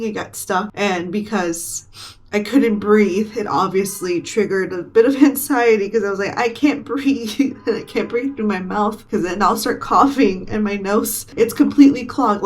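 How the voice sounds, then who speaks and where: A woman's voice: medium pitch, a little mellow. A young woman vlogging casually at home, sounding congested and stuffy-nosed as she rambles in a chatty, mildly irritated way. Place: her apartment kitchen at home.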